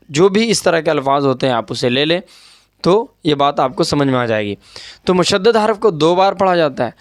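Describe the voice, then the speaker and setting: A man's voice: high-pitched, no room sound, clean studio sound. Patient man teaching Urdu grammar. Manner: patient, repeats points, checks understanding with asides. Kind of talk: board lesson explaining grammar.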